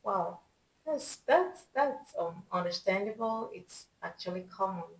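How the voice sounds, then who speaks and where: A woman's voice: mid-range voice, animated, a little slow, poor audio. A woman hosting a reaction video, talking casually and gushing with praise. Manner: effusive, gushing.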